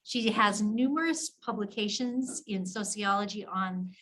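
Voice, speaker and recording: A woman's voice: mid-range voice, measured pace, fairly bright tone. A woman hosting a session and informally introducing a speaker in a small conference room. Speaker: session host, history faculty member. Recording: faint noise in meeting room.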